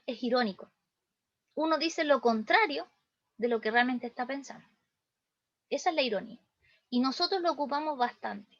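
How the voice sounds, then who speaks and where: A woman explains literary devices to her students in a high voice. She goes step by step and keeps checking that they follow. The recording is dull, dry and lo-fi. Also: a bit bright, no room sound. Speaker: teacher.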